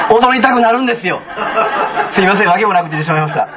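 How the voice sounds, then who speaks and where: A man pastor with a Kansai accent, preaching a sermon in a chatty, animated way, with many asides to the congregation. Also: sits high, lo-fi sound. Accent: Kansai Japanese.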